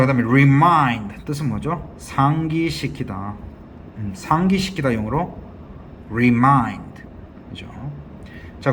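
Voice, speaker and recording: Slow-drilling male English teacher. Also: medium pitch, slight background noise. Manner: slow, drawn-out word-by-word drilling with frequent checking questions. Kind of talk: vocabulary lesson drill.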